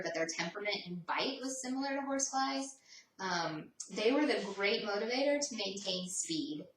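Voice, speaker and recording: A woman answering viewer questions in a relaxed, chatty way, often pausing with "um". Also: on the low side. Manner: relaxed, chatty, frequent "um" fillers. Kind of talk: casual Q&A chat. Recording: roomy echo, voice from a distance.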